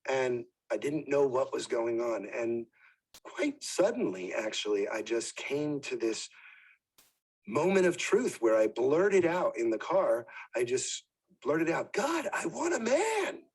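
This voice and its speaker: A man from New Jersey, a former preacher, gives an earnest, halting personal testimony for a documentary, sometimes dropping to near whispers. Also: mid-range voice, expressive, breathy edge, low-quality recording. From Wildwood, New Jersey, USA.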